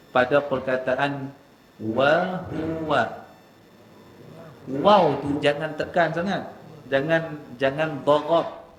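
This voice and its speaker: A man teaching Quran recitation in a mosque class, drawing out letter sounds slowly before explaining quickly. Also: medium pitch, a little hiss or hum. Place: mosque hall. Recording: echoey mosque hall with faint ambience.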